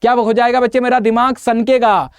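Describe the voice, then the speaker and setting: A man's voice: very high voice, a little fast, clean tone, no room sound. A man teaching an exam-prep lecture, keeps asking his students questions and answering them himself, with playful memory tricks. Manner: lively, uses memory tricks and jokes.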